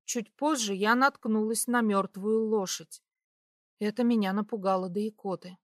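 A young woman reading a first-person fantasy audiobook in a brisk, vivid storytelling manner. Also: mid-range voice, dry recording, clean studio sound. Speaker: narrator.

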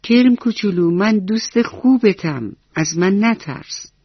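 A woman's voice: medium pitch, expressive, husky, no echo, lo-fi sound. A woman voicing an anxious, kind-hearted little girl who talks in an earnest, worried way.

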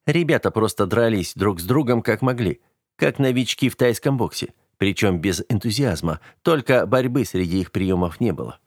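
A man narrating an audiobook in a steady, even storytelling manner. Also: on the low side, normal speed, no echo, clean studio sound. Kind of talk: scripted narration.

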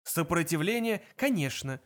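A quick-witted alien schemer who talks urgently and sharply, as a man reads him. His voice is moderately high. It is performed as an audiobook character. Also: animated, natural voice. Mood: persuasive.

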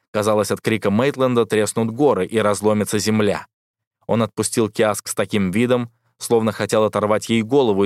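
A man narrates a fantasy novel in a low voice. His reading is steady and dramatic, and the sound is close and dry with no room around it. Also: dry recording. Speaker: audiobook narrator. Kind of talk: scripted narration.

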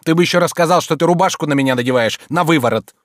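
A man reading an audiobook, voicing an idle, irritable gentleman who snaps impatiently at his servant. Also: on the high side, rapid-fire, no echo, clean studio sound, voice pushed up, lightly acted. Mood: exasperated. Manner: impatient, exasperated. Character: idle, irritable young male landowner.

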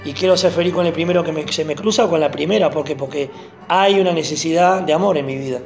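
A man preaching a sermon, animated and repeating phrases for emphasis. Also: on the high side, fast, gravelly, soft background music.

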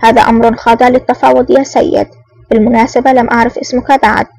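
A woman reading an elegant, smug and menacing man with a smooth, sly manner in an audiobook. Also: a little high, flat delivery, quick pace, a little mellow, rough recording. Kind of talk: audiobook narration.

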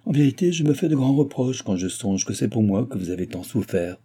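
A man's voice: mid-range voice, animated, brisk, mellow, husky, pitched above the performer's own voice. A man doing a gracious young princess. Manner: gracious, courteous commands.

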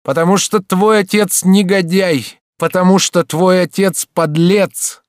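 A man's voice: medium pitch, normal speed, a little mellow, no echo, clean studio sound, close to an everyday voice. A man reading an audiobook, voicing a noble countess and mother who is emotional and rises to cries. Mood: furious.

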